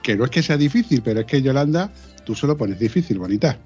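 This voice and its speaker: A man's voice: mid-range voice, lively intonation, fast, darkish tone, husky, lo-fi sound, soft background music. A man with an Andalusian accent co-hosting a podcast in casual, teasing banter. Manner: joking, teasing banter with laughter. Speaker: podcast co-host. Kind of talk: casual chat.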